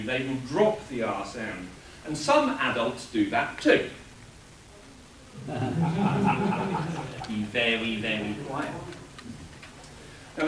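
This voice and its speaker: A man giving an animated, explanatory panel talk at a convention, chuckling now and then. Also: fairly high pitch, slight background noise. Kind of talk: lecture-style panel talk. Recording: echoey room from a distance.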